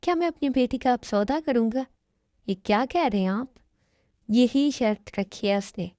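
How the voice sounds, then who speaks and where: A woman's voice: a little high, lively intonation, normal speed, warm tone, dry recording, clean studio sound, natural voice. A woman voicing a worried middle-aged father and company owner in an amateur dub, talking in an anxious, pleading way. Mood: troubled.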